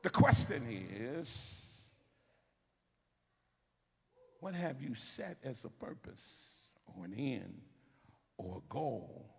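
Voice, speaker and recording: A man preaching a sermon, animated and repetitive, calling out to the congregation to respond. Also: medium pitch, very slow, creaky, pauses often, breathy edge, big-room sound.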